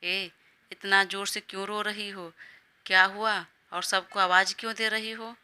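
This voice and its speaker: A woman's voice: mid-range voice, little pitch movement, unhurried, bright, forceful tone, clean tone. A woman voicing a stubborn young husband who answers curtly and with irritation. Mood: flustered. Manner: curt, irritated.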